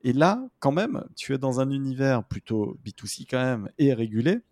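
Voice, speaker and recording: A man from France hosting a business podcast, joking and energetic as he interviews a founder. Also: mid-range voice, normal speed, no room sound. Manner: jokey, energetic, self-mocking. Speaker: podcast host.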